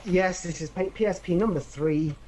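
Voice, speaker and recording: A man's voice: high voice, normal speed, a little mellow, a little hiss or hum, rough recording. An easygoing man co-hosting a casual podcast, thinking aloud with a wry tone. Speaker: podcast co-host. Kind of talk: casual chat.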